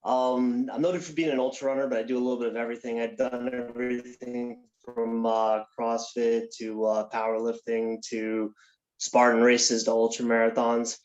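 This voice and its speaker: A man's voice: medium pitch, level tone, normal speed. A man in his thirties, an athlete on a panel, answering hesitantly with many fillers on a video call. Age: 30s. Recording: dull lo-fi call audio.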